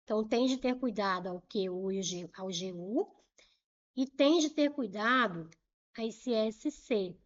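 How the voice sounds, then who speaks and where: A woman teaching Portuguese grammar with a Brazilian accent, spelling out letter pairs and repeating words slowly to show how they sound, checking in with short questions. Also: medium pitch, expressive, highs cut off. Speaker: Portuguese teacher for civil service exams. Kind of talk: explaining grammar at a whiteboard.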